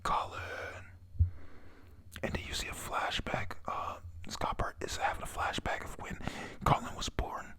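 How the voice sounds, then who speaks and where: A breathy, whispered voice reads a manga chapter aloud and recaps the story, halting over lines. The narrator throws in casual, sweary, excitable asides along the way.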